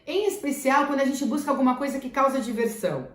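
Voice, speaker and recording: A Brazilian Portuguese-accented woman teacher speaks to parents in a slightly raised pitch. She is earnest and hammers key phrases home through repetition. Her voice rings in a roomy, echoey space. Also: quick pace. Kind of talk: talking to parents. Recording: roomy echo.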